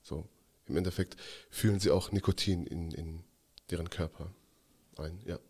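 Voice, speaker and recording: A man's voice: deep voice, steady tone, moderate pace, darkish tone, husky. A young man from Afghanistan, a podcast guest telling his story in a hesitant, reflective way with many fillers. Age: 20s. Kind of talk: casual interview talk.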